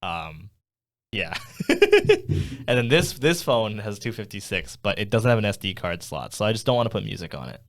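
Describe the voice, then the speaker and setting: This is a casual podcast chat from a small studio, where a young male co-host rambles with lots of fillers and laughter. His lowish voice is very animated, moving at a moderate pace, captured on a studio condenser mic.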